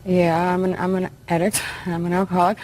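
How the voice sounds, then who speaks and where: A woman's voice: on the low side, little pitch movement, brisk, a little mellow, slight background noise. A woman in her early thirties giving short, subdued answers as a defendant in court.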